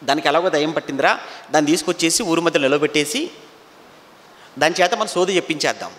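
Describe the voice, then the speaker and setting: A man's voice: a little high, lively intonation, fast talker, fairly bright tone, in a large hall. A man preaching a sermon, telling the story and putting rhetorical questions to his listeners.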